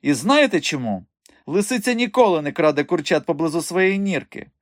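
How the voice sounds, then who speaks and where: A man voicing a flamboyant, imperious woman who runs a circus, in a high theatrical voice. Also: expressive, moderate pace, no room sound, clean studio sound, lightly acted. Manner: high-pitched, theatrical, commanding.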